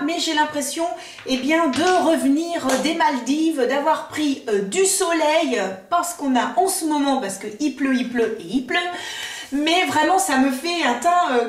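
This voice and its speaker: A woman beauty vlogger chatting casually about products, with frequent hesitations and fillers, sometimes reading product descriptions aloud. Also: high voice. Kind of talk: casual product-review chat. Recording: echoey room, mic at a distance.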